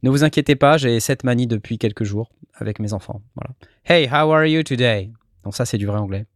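A man's voice: on the low side, quick pace, dry recording. A man hosts a casual live stream in a joking, playful way. He sometimes tosses in French phrases spoken as mock English. His voice sounds dry and close, with no room around it.

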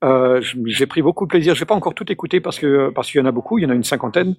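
A man's voice: mid-range voice, rapid-fire, a little mellow. A man chatting casually on a podcast panel, hesitant, with many fillers and restarts. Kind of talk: casual chat.

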